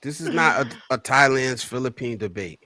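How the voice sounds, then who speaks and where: A man with a mid-pitched voice moderates a casual group chat. He is reassuring and slangy, repeating phrases as he makes his point. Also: expressive, normal speed, sharp tone, no room sound. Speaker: livestream moderator.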